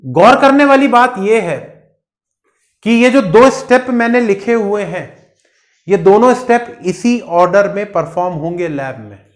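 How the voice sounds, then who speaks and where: A man's voice: high voice, animated, unhurried. Man tutoring, rhetorical questions, patient lecture. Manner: explains with rhetorical questions, mixing English terms. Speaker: engineering exam tutor. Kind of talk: casual classroom lecture.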